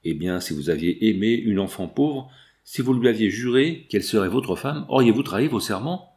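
A man voicing a young fiancé, earnest and anguished, in a low voice. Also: animated, moderate pace, a little mellow, close to an everyday voice. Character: young fiancé, torn and indignant, proud.

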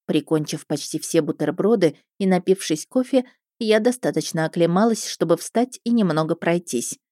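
A woman narrating a first-person story in a lively, expressive way. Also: fairly low pitch, moderate pace, no room sound, studio quality. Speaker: audiobook narrator.

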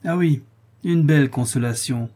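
A man reading an audiobook, voicing a sinister male jailer who speaks gruffly and mockingly. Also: medium pitch, moderate pace, mellow, lightly acted. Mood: surly, mocking.

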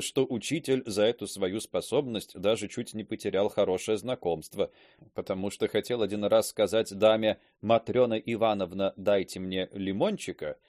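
A man's voice: lowish voice, a little mellow, dry recording, studio quality. A man narrating a classic novel as an audiobook, telling the story expressively.

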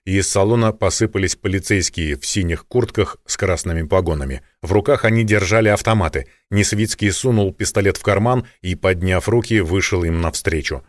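A man narrating an audiobook in a steady, matter-of-fact way. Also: low voice, no room sound, clean studio sound. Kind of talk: scripted narration.

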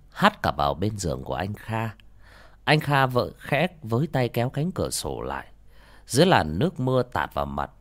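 Dramatic man telling a horror story. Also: lowish voice. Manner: dramatic, swinging intonation.

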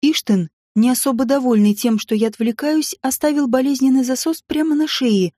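High-voiced woman reading a romance audiobook. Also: normal speed, dark tone, dry recording, studio quality. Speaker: audiobook narrator. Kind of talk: first-person audiobook narration.

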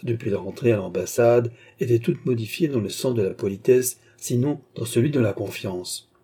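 A man narrating a classic novel as an audiobook reader, in a measured storytelling manner. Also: mid-range voice, mellow, slightly rough.

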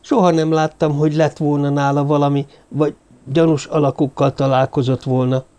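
A man's voice: fairly high pitch, little pitch movement, warm tone, clear, resonant tone, pitched above the performer's own voice, natural voice. A man voicing a frightened young Mexican woman who stammers in fear, in an audiobook. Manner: stammering, fearful.

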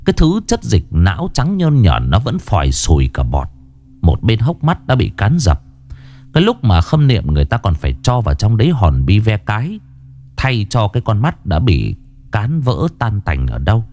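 Dramatic male ghost story narrator. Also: normal speed. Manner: expressive, swinging pitch. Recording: narration over background music.

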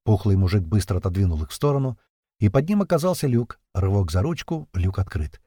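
Husky-voiced man narrating an audiobook. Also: lowish voice, brisk, no echo, clean studio sound. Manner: steady storytelling, tense and vivid.

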